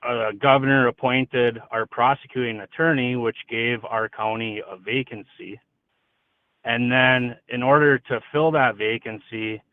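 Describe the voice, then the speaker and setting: A man with a thick Upper Michigan accent, calling in to a show to explain a question. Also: mid-range voice. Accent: thick Upper Michigan (Yooper). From Upper Peninsula of Michigan. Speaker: caller. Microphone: telephone. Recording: tinny, dry phone line.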